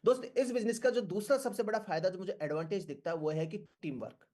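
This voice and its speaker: A man's voice: high voice, fast talker, darkish tone. A man giving an earnest motivational talk to an online meeting, coaxing his listeners and checking that they follow along. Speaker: network marketing speaker.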